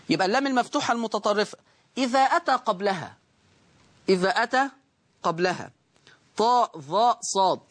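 A man with an Egyptian Arabic accent teaching a tajweed lesson. He explains slowly and draws out the recited words, and he asks the class questions that he then answers himself. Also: high-pitched, fairly bright tone.

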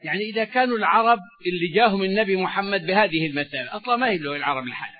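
A man giving a religious lesson, measured and explanatory, often repeating key words. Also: sits high, animated. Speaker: Quran teacher. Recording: dull lo-fi recording with faint music.

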